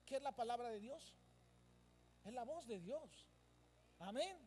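High-voiced emphatic male pastor preaching. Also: lively intonation, a little slow, darkish tone, a little hiss or hum. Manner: emphatic, asks the congregation questions and repeats phrases. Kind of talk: sermon. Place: church service.

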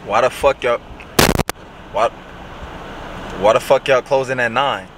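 A man's voice: mid-range voice, a little slow, very noisy. Younger man trading profane banter. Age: young adult. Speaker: host's younger brother. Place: fast-food restaurant.

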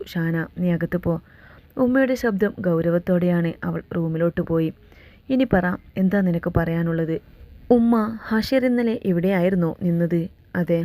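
A woman reading a romantic family story aloud, voicing every character in the same steady narrating voice. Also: on the low side. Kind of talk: scripted narration of a love story, reading all parts.

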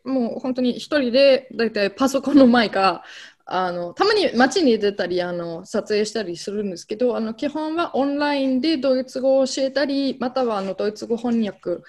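Chatty woman, slightly high voice. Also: expressive, normal speed, darkish tone. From Germany. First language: German. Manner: chatty, many fillers and restarts. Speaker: interviewee, German teacher. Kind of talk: casual conversational interview.

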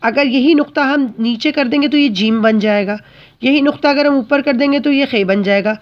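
A woman teacher with a somewhat high voice explains handwriting to children one step at a time. She is patient and keeps checking that they understand. The recording sounds muffled and lo-fi. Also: moderate pace.

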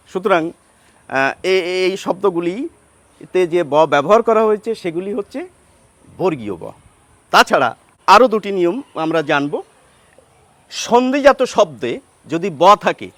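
A man's voice: high-pitched, a bit bright, dry recording. A man with a Bengali accent teaching a grammar lesson, sounding out example words and asking questions before he answers them.

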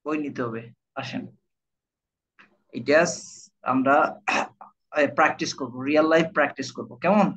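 In a live online IELTS lesson, a man from Bangladesh repeats important words and checks again and again that his students understand. He has a fairly high, fairly bright voice, speaks at a moderate pace with frequent pauses, and the audio sounds dull.

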